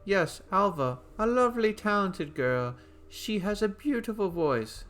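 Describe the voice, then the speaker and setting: A man's voice: sits high, expressive, unhurried, a bit bright, pitched above the performer's own voice. A man voicing a chatty, fussing elderly housewife in a game. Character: fussy elderly housewife, hospitable.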